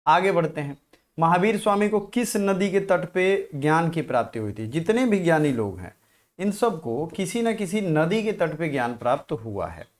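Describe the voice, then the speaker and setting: A man with a somewhat high voice leads a live online exam-prep lesson. He keeps quizzing the viewers, pushes them to answer fast and reads out what they write in the comments. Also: very animated. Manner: questions viewers directly and checks comments. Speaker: teacher.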